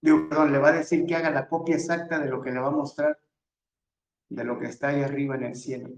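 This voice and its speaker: A man's voice: on the high side, animated, fast talker, gravelly, reverberant, poor audio. A man giving a verse-by-verse scripture lesson, methodically telling his listeners which words to underline and circle. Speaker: Bible teacher.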